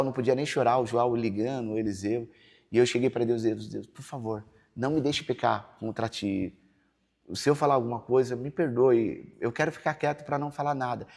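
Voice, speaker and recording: A man's voice: medium pitch, a little mellow. A man with a Brazilian Portuguese accent, a pastor telling his personal testimony in a podcast interview, earnest and preachy. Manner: earnest, preachy, acts out quoted dialogue.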